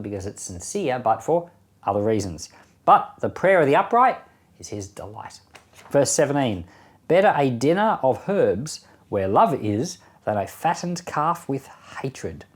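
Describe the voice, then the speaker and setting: Chuckling pastor reading and commenting. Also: male voice, fairly low pitch. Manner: relaxed conversational delivery with frequent soft chuckles; reads verses slowly and deliberately.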